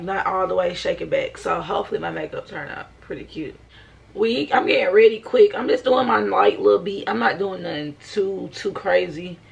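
A young woman chats straight to the camera as she does her makeup, blunt and loose, swearing freely. Her voice has a gravelly, fry-heavy edge. A faint noise sits under the voice. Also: mid-range voice, fairly bright tone. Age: young adult. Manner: blunt, slangy and profane, laughing between lines. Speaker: college vlogger. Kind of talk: casual vlog talk to camera. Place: indoors at home, doing makeup.

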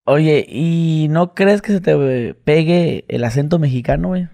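A man interviewing a guest, asking curious, quick questions in a casual chat. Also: on the high side, creaky, mellow.

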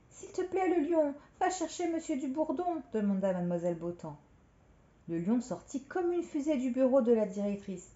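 Woman reading a children's story aloud. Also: a little high. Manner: expressive read-aloud. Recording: roomy, dull lo-fi.

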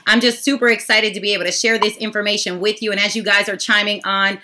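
A woman's voice: medium pitch, fast. A woman from the Pittsburgh area giving a hyped, upbeat sales presentation to an online audience. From Pittsburgh, Pennsylvania area. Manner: hyped, upbeat, repeats "super excited". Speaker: network marketing presenter.

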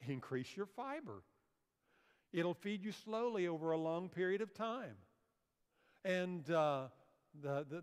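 A slightly high, clean-toned male voice belongs to an older man lecturing at a health seminar. He works through slides on a church auditorium stage and poses questions to the audience, with long hall reverb in the recording.

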